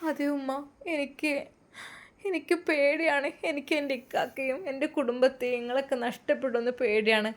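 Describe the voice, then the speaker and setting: A woman voicing a frightened young woman who speaks softly and hesitantly, pleading. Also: high-pitched, steady tone, normal speed, close to an everyday voice. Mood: fearful.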